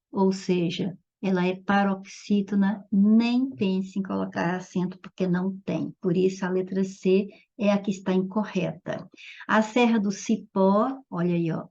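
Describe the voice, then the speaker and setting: A woman with a Brazilian Portuguese accent teaching a grammar lesson for exam preparation, slow and emphatic, stretching out key words. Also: medium pitch, a little mellow, muffled recording.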